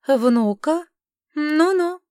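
A woman voicing a sharp-tongued, sarcastic witch in an audiobook, scolding and mocking. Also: on the high side, expressive, unhurried, dry recording, clean studio sound, pitched above the performer's own voice. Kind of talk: audiobook character reading.

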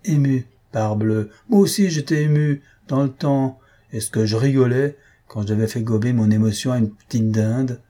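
A man reading aloud and voicing a grumpy, irritable older husband who blusters and shouts sarcastically. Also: medium pitch, normal speed, natural voice. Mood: blustering.

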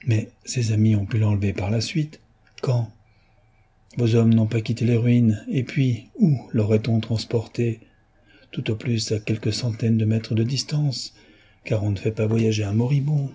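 A man's voice: lowish voice, fairly even intonation, unhurried, warm tone, husky. A man voicing a skeptical middle-aged investigating judge, questioning, in a storybook reading. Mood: doubtful. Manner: doubtful, questioning.

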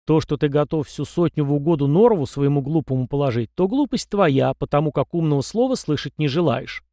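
A stern, barking army commander voiced by a man narrating an audiobook, lifting his voice high and loud to berate a foolish youth. The sound is close and dry, with no room around it. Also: lively intonation, brisk, dry recording. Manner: barking, scornful, raises voice. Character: gruff middle-aged male army commander, stern scolding mentor. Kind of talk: audiobook character voice.

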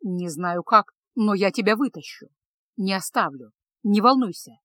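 A woman voicing a gruff, stubborn male mage who talks curtly and matter-of-factly. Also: mid-range voice, lively intonation, normal speed, a bit bright, no echo, clean studio sound. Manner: curt, matter-of-fact.

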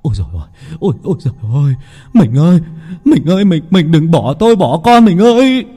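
A man's voice: medium pitch, wildly swooping pitch, quick pace, warm tone, slightly rough, big-room sound. A man voicing a hot-tempered middle-aged village father who curses and barks orders. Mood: wailing. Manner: coarse, cursing, bossy.

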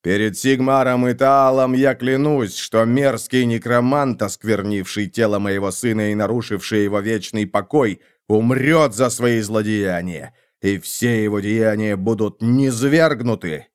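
A man voicing a proud, grieving nobleman in an audiobook, declaiming loudly and slowly. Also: fairly low pitch, clear, resonant tone, close to an everyday voice. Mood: vengeful. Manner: loud, slow, declaiming.

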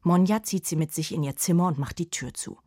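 A woman's voice: lowish voice, brisk, a little mellow, no echo. A woman narrating a children's storybook expressively in a studio.

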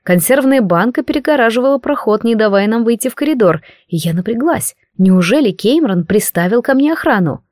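A woman narrating a first-person audiobook in a wry, expressive way. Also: on the high side, brisk, hardly any pauses, no room sound, clean studio sound.

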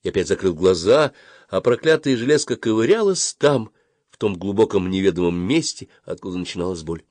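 Low, expressive male storyteller. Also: brisk, no echo. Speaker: narrator. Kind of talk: audiobook narration.

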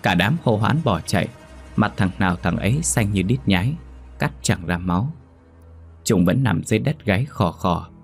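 A man narrating a ghost story in a steady, dramatic storytelling manner. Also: lowish voice, moderate pace, gravelly, soft background music.

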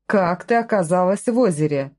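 A woman's voice: lowish voice, expressive, normal speed, a little mellow. A woman reading the lines of a stern, distrustful man who speaks in short commanding phrases in a storybook reading. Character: stern suspicious grown man, curt castle lord.

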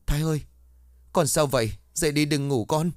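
A man's voice: fairly low pitch, animated, fairly quick, dry recording, clean studio sound, natural voice. A man voicing a frantic middle-aged mother, terrified for her son, in a spoken ghost story. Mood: panicked pleading. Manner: rising pleading cries.

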